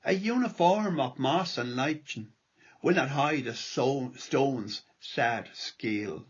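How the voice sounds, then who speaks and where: A man's voice: medium pitch, expressive, takes it slowly, slightly rough, highs cut off. An Irish man reading aloud from a prepared talk in a lilting storyteller's manner, like a local history speaker reciting. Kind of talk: prepared talk read aloud, with quotations and poetry.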